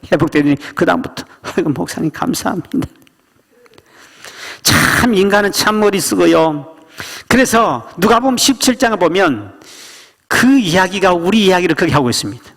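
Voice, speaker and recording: A man's voice: high-pitched, a bit bright. A male pastor preaching a sermon with emphatic storytelling, in a church sanctuary. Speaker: senior pastor. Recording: long reverb of church sanctuary.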